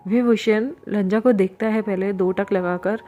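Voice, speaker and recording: A woman's voice: mid-range voice, steady tone, a little slow, dark tone. A woman narrating a fan-fiction story in a casual, conversational way.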